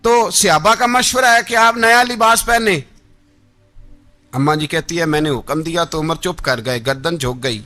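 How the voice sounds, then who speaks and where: A man preaching a religious sermon in a Pakistani Urdu accent, telling a story dramatically and acting out its speakers, rising to shouted rebukes. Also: fairly high pitch, moderate pace, soft background music.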